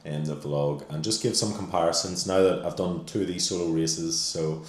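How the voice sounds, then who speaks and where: A man's voice: low-pitched, fairly even intonation, normal speed. An Irish man talking casually to his vlog audience. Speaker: vlogger and endurance racer.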